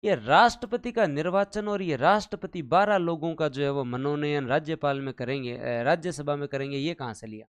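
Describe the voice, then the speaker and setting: A man's voice: a little high, a little fast, few pauses, clear, resonant tone. A male teacher giving a live online exam-prep lecture, quizzing his viewers with repeated questions and chanting numbers to drill them. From India.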